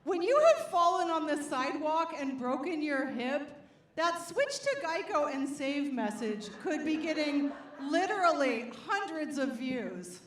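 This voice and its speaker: A woman's voice: sits high, lively intonation, measured pace. A middle-aged woman performing a stand-up comedy set on stage, with a wry, punchy delivery that draws out the punchlines. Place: comedy stage before a live audience. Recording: roomy live venue.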